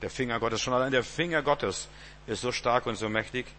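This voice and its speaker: A man's voice: medium pitch, fairly quick, bright, forceful tone, a little hiss or hum. A man preaching a sermon in a rambling way, repeating words and chuckling now and then.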